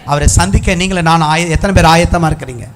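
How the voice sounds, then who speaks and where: A high-pitched man preaching a sermon to a congregation. He swings from a low, confiding telling to slow, stretched-out shouts of praise and command. His voice sits well above the usual male range. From Tamil Nadu. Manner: rising to drawn-out shouted proclamations with calls of hallelujah. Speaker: pastor.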